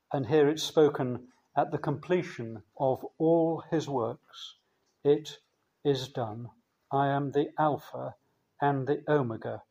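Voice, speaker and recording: Slow, measured male preacher. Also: medium pitch, dark tone, slightly rough, dull audio. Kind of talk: sermon.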